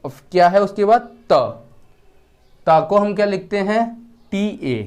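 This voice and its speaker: Male teacher with a slightly high voice, drills the students with question-and-answer repetition. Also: animated, a little mellow, smooth. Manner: asks questions and answers them himself; repeats key words slowly, dropping his pitch. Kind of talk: classroom-style lesson.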